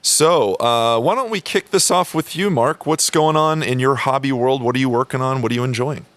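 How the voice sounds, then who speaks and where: A man's voice: medium pitch, normal speed, fairly bright tone, no room sound. A man hosting a podcast in a casual, upbeat, promotional way. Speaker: podcast host. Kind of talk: casual chat.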